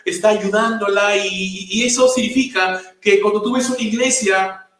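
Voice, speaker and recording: A male pastor delivers a sermon in an emphatic preaching style, piling up lists. His voice sits high for a man. He is heard from some distance in a church that rings with heavy echo. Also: fairly even intonation, normal speed, fairly bright tone. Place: church sanctuary. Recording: very echoey room, voice from a distance.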